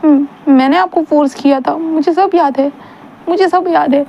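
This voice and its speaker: A woman's voice: sits high, moderate pace, mellow, dull audio, slight background noise, pitched above the performer's own voice. A woman voicing an earnest young man who stammers out anxious, pleading questions.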